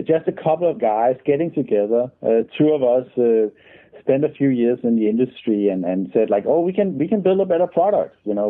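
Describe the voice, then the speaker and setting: A man in his forties from Denmark, speaking English with a Danish accent, a guest in a casual interview who repeats "and" a lot. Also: mid-range voice. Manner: many repeated "and"s, restarts. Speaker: guest, company founder. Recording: tinny phone line.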